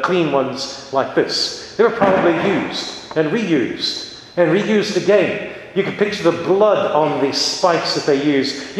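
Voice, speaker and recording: A man preaching a sermon, animated, with rhetorical questions and dramatic stress on key words. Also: a little high, slight background noise. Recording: very echoey hall with long reverb.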